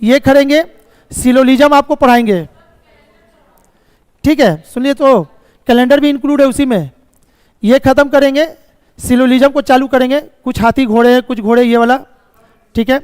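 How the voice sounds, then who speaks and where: A man's voice: extremely high pitch, fairly even intonation, normal speed, pauses often, darkish tone, clear, resonant tone, dry recording, long reverb tail. A man teaching a reasoning class live, explaining step by step, checking often if students follow, and sometimes scolding them about the course. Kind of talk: live online class lecture.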